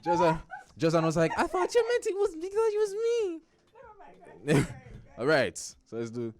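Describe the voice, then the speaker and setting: A man with a Jamaican accent hosts a radio talk show from a studio, his patter lively, joking, chatty and animated, full of slang. His voice is very high, delivered at a measured pace.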